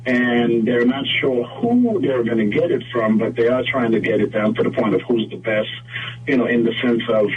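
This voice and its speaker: A man from Trinidad and Tobago speaks as a guest on a radio talk show, explaining his work in a measured, steady way. His voice sits at a middle pitch. It sounds distant and dull, with a faint hum behind it. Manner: measured, explanatory, with frequent "mm-hmm" and "whatnot". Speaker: guest photographer. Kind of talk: radio interview.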